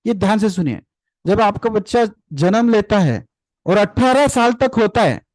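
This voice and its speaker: A high-pitched man teaches a live parenting workshop with animated energy. He repeats key points, checks in with rhetorical questions and calls on participants by name. His voice is close and dry over a video call. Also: dry recording. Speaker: parenting and personal development trainer.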